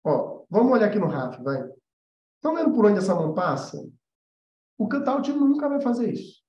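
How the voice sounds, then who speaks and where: In a high voice with a dark tone, a Brazilian animation teacher speaks briskly and very animatedly during a live class. His style is casual yet emphatic, with key points repeated and frequent checks that listeners understand. A roomy echo gives the sound a slightly muffled quality.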